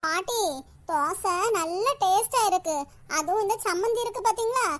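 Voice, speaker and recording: A woman's voice: very high-pitched, moderate pace. A woman voicing a polite little granddaughter in a cartoon, with a Kanyakumari Tamil accent. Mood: sweet.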